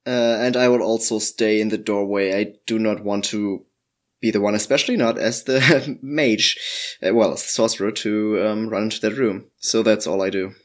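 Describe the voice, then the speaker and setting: A man's voice: fairly low pitch, steady tone, moderate pace. A man playing a tabletop game, talking casually and hesitantly. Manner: hesitant, with fillers and laughs. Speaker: player.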